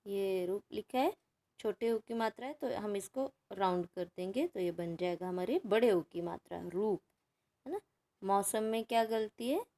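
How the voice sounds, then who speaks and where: Lady teacher going thru a hindi workbook, talks real slow and patient, keeps checking students follow. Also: mid-range voice, mellow. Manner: patient, explains step by step, frequent "है ना" checks. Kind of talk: workbook lesson walkthrough.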